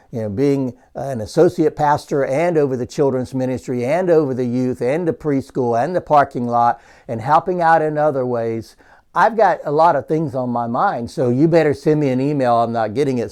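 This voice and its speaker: A man's voice: mid-range voice, a little mellow. Man teaching church volunteer leadership. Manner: conversational, repeats points for emphasis. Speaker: associate pastor.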